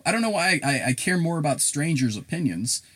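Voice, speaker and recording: A young man with a slight Southern drawl, co-hosting a podcast in casual, candid chat, often swearing and trailing off quietly. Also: fairly high pitch, sing-song, quick pace. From South Carolina. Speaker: podcast co-host.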